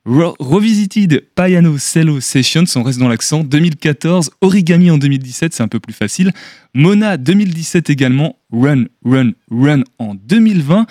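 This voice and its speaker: A man's voice: fairly high pitch, lively intonation, moderate pace, dark tone, no echo, studio quality. A man hosting a radio interview in a friendly, informal way, reading details from his notes. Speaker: radio host.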